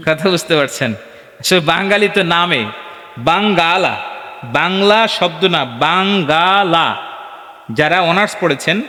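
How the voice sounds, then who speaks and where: A male preacher giving an animated sermon at a gathering, asking the crowd questions and chanting verses in a sung tone. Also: fairly high pitch, normal speed. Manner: animated, asks the crowd questions and calls for responses. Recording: echoey hall with long reverb.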